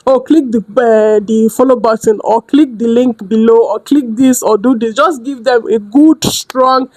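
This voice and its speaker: A woman, coaching small business owners in a casual vlog, direct and lively, often acting out what customers and sellers say. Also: a little high, a little slow, dry recording, low-quality recording. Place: indoors at home during a rainstorm.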